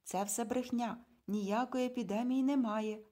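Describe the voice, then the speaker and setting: A woman's voice: a little high, fairly even intonation, a little slow, mellow. A woman voicing a timid old man who protests in a trembling, plaintive voice. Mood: protesting.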